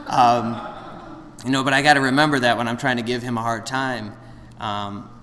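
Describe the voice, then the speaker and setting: Late-30s man, bright forceful tone, rambling self-deprecating share, echoing meeting hall. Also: medium pitch, steady tone, moderate pace. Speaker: speaker sharing at a recovery meeting. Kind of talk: candid personal share. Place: meeting room with an audience. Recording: roomy hall, faint background noise.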